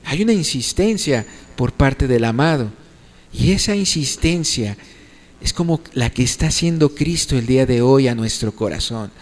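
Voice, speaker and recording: A man's voice: medium pitch, expressive, moderate pace, darkish tone. A man preaching a sermon, explaining scripture with many fillers and restarts, then rising into pleading appeals. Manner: rises sharply to pleading appeals. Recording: reverberant church hall.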